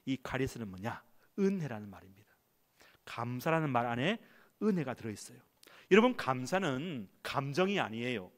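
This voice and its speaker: A man's voice: mid-range voice, big pitch swings, moderate pace. A male pastor preaching a sermon in a church, emphatic and calling the congregation to read along with him. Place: church sanctuary.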